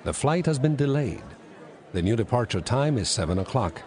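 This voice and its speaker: A man's voice: mid-range voice, sing-song, moderate pace, a little mellow, a faint crowd, lightly acted. A man playing a polite, formal airline gate announcer, reading out an airport announcement. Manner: polite, formal, scripted delivery.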